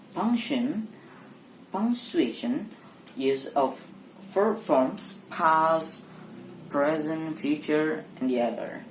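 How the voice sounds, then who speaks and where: A young Indonesian-accented woman talks through an exam presentation, her voice low and her delivery slow and halting. She pauses often, restarts phrases and fills gaps with hesitation sounds. The room around her is echoey, with a faint hiss underneath. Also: a little mellow. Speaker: university student presenter.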